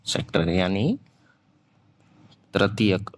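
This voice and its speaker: A young man with a low voice and lively intonation teaches an online class very slowly, dictating notes casually. He blends Hindi and English, pauses to check in after nearly every phrase, and corrects his own slips aloud.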